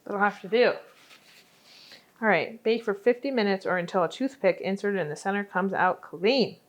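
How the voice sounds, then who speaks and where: A woman's voice: mid-range voice, normal speed. A young woman vlogging in her home kitchen, chatty and self-mocking as she bakes and talks. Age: young adult. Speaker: lifestyle vlogger. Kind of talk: casual chat while baking.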